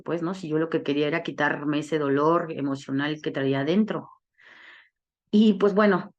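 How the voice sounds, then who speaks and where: A woman speaks to a support group in a low voice. She tells a personal story, acts out the lines she quotes and often checks in with tag questions. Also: darkish tone, muffled recording. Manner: storytelling, acting out quoted dialogue. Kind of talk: personal testimony talk.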